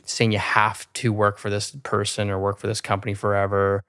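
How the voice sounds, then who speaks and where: A man in his thirties speaks in a low, smooth and resonant voice, recorded close and dry. He talks earnestly and reflectively on a casual podcast, padding his thoughts with fillers. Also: monotone, a little fast, a bit bright, dry recording. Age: 30s. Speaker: guest realtor.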